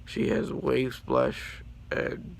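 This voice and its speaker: A raspy-voiced teenage boy, sick at the time, talks extremely slowly with huge pitch swings as he casually shows his trading card collection on YouTube. He stumbles over card names, rambling and apologetic. The home recording is low quality, with faint background noise.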